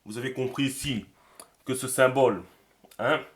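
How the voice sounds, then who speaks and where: A man's voice: medium pitch, moderate pace. A man teaching a writing system in a screen-recorded tutorial, thinking aloud as he draws and dropping many fillers. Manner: talks to himself while writing, many fillers. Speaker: teacher of a script.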